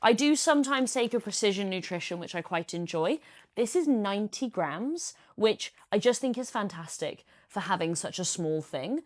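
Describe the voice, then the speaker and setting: A woman's voice: medium pitch, lively intonation, moderate pace. A woman, talking through her triathlon kit in a casual how-to vlog, chatty and practical. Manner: chatty, practical, explains step by step. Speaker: triathlete vlogger.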